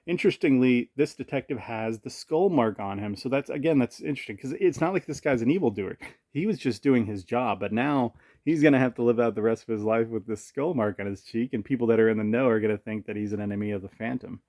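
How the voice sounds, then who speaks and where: A chatty man talks through a casual review, thinking aloud with fillers. His voice sits at a middle pitch. The sound is dry and close, with no room echo. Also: quick pace, darkish tone. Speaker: comic reviewer. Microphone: camera mic.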